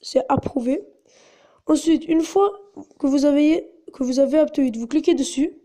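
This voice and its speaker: A woman's voice: sits high, moderate pace, dark tone. A woman narrating a casual step-by-step tutorial in a chatty way, with many fillers. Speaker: tutorial host.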